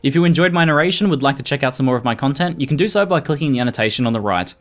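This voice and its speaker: A man reading scripted video narration in a measured, informative manner. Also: medium pitch, lively intonation. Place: voice-over recording. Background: music.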